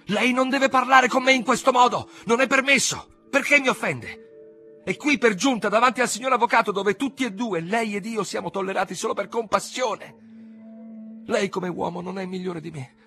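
A man voicing a cringing male defendant in an audiobook, shrill, aggrieved and pleading. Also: fairly even intonation, moderate pace, vocal fry, soft background music. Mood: indignant. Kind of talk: audiobook character voice.

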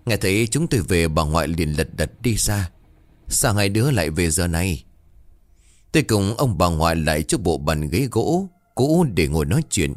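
A man narrating a ghost story in a steady, sober reading style. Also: deep voice, normal speed, few pauses, no room sound. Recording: dry voice with faint music.

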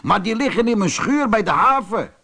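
A man voicing a gruff, stingy middle-aged fisherman in a storybook, raising his voice well above his own. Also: high voice, lively intonation, moderate pace, pitched above the performer's own voice, heavily acted. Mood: gruff shouting. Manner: shouting raised voice.

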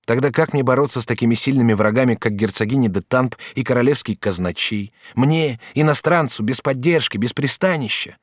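A man's voice: mid-range voice, brisk, hardly any pauses, no echo, clean studio sound, pitched above the performer's own voice, natural voice. A man reading an audiobook, voicing a passionate, anxious young male apprentice who speaks in rising, impassioned questions.

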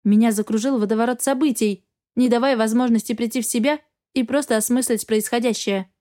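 A woman reading a first-person audiobook in a measured, reflective way. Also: a little high, fairly even intonation, dark tone. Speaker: audiobook narrator.

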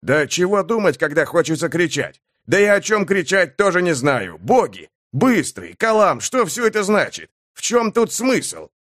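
A man doing a frantic shouting old sapper. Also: fairly high pitch, expressive, moderate pace, hardly any pauses, no echo, studio quality, voice pushed up. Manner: loud, frantic, cursing. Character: excitable shouting male sapper, veteran soldier.

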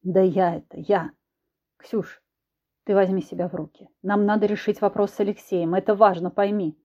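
A woman's voice: mid-range voice, fairly even intonation, normal speed, warm tone, lo-fi sound, close to an everyday voice. A woman voicing a blunt, commanding man who was once a cat, in an audiobook. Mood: stern. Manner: curt, commanding.

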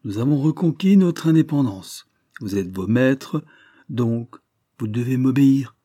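A man voicing a burly, pompous middle-aged detective chief who bullies and lectures his men, in a raised, hectoring voice with a husky edge. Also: mid-range voice, expressive, moderate pace, dark tone, no echo, clean studio sound. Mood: scolding, bossy.

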